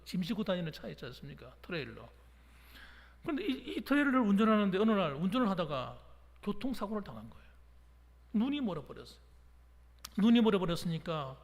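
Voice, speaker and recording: A male pastor preaching a sermon, telling a story and acting out the dialogue in an animated way. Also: sits high, long reverb tail. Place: church sanctuary.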